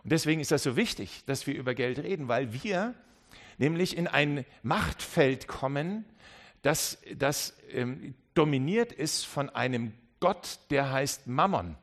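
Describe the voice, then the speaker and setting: A man preaching a sermon, who swings between loud calls and quiet asides and acts out the voices in his examples. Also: medium pitch, expressive, a little slow. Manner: dramatic, acts out voices in dialogue.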